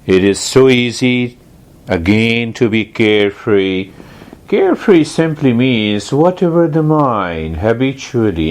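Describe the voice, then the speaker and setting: This guided meditation teacher is a man with a lowish, somewhat dark voice. He instructs in a slow, explanatory way, returning to key phrases and asking questions.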